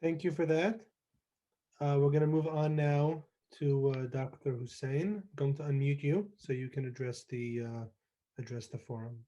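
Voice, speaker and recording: A man's voice: medium pitch, moderate pace, dark tone. A man moderating an online forum on a video call, briefly and politely handing over to speakers. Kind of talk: running an online panel. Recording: dull, distant video call audio.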